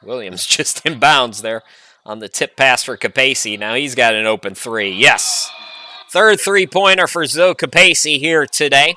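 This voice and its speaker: Bright-voiced basketball announcer. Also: male voice, mid-range voice, a little slow, no room sound. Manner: chatty, rambling asides between excited calls. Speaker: play-by-play announcer. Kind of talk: basketball play-by-play commentary.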